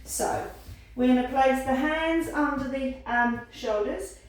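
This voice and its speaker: A gentle woman teaches pilates in a high-pitched, slow voice, heard from a distance in an echoey room. She guides the class with encouraging, soft cues and counts down aloud, sounding slightly out of breath at times.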